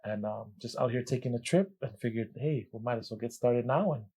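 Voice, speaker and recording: Warm, gracious man from Tonga. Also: mid-range voice, fairly quick, slightly rough. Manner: warm, grateful, laughs easily. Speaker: podcast co-host. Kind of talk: casual podcast chat.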